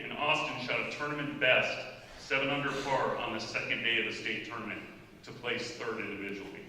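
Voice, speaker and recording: A middle-aged man, a high school golf coach, giving a heartfelt ceremony speech that nearly brings him to tears. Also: sharp tone. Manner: heartfelt, near tears at times. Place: school hall. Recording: echoey hall, voice from far off, faint noise.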